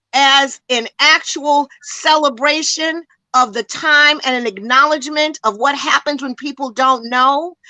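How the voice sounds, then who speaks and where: A woman's voice: sits high, bright, forceful tone, no echo, low-quality recording. A woman community educator speaking with passion in a panel discussion, emphatic and full of rhetorical questions, a little out of breath.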